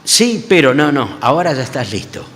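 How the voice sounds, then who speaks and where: A man voicing a patient male divine teacher. He questions slowly, in a low, gently insistent voice. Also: big pitch swings. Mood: firm. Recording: church hall with long reverb.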